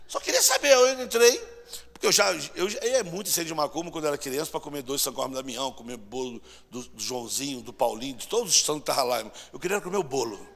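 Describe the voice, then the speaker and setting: A man preaching a sermon in a church, telling stories, swinging between loud bursts and hushed asides. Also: medium pitch, rapid-fire, vocal fry, hardly any pauses. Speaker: pastor. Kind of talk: sermon with storytelling. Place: church hall. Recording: church hall reverb, mic at distance.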